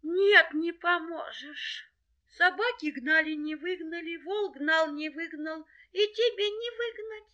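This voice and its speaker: A woman doing a high, weeping little hare. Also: takes it slowly, sharp tone, lo-fi sound, heavily acted. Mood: tearful. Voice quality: high, tearful, whimpering. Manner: repeats his lament in a crying sing-song. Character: small weeping hare boy, homeless and pitiful.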